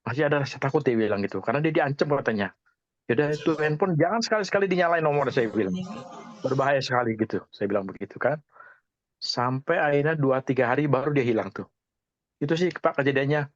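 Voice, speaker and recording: A man's voice: medium pitch, lively intonation, fast talker. Man telling his story on a video call. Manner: retells the story with quoted dialogue, repeating "saya bilang". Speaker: church small-group member giving a testimony. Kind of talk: casual storytelling testimony. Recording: dull, dry, lo-fi video call.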